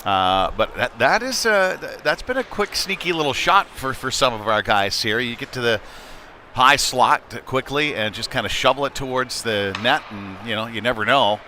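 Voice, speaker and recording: Over the noisy ambience of a live rink, a man provides play-by-play for a youth hockey game in a pushed, bright, medium-pitched voice with lively intonation and normal speed. His commentary is conversational, somewhat hesitant and rough around the edges.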